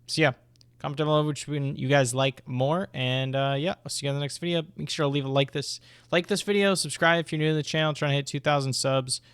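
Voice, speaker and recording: A man's voice: mid-range voice, clear, resonant tone, dry recording. A man chats through a gear review on a dynamic USB mic, with a mid-range voice and a dry sound. His delivery is casual and unscripted. He hesitates and rambles from one thought to the next. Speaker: video host reviewing audio gear. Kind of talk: casual product review chat. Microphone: USB dynamic microphone on an arm.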